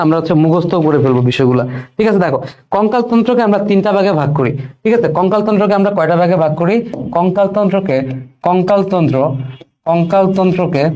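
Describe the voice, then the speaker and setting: A man's voice: high voice, warm tone, lo-fi sound. A male biology teacher, giving an exam-prep lesson. He repeats key terms and keeps checking that students follow.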